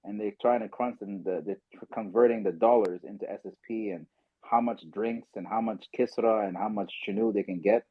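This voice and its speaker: A man from South Sudan hosts a casual podcast chat over an audio call, talking loosely and acting out voices as he tells stories. His voice is fairly low and quick, with fairly even intonation and a breathy edge. The sound is dry and tinny like a phone line, with no room sound.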